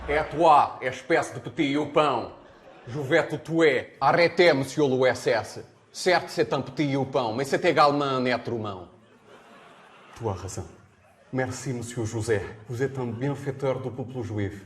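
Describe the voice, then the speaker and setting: A man's voice: medium pitch, moderate pace, fairly bright tone, distant mic, pitched above the performer's own voice, natural voice. A man voicing mock Portuguese film characters in a broad comic Portuguese accent, as a stand-up bit.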